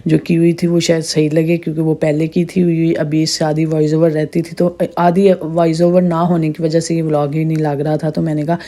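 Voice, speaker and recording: A woman in her thirties with a sore, slightly hoarse throat, chatting through a casual vlog voice-over. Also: low voice, level tone, moderate pace, few pauses, mellow. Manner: chatty, rambling storytelling. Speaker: vlogger narrating her day.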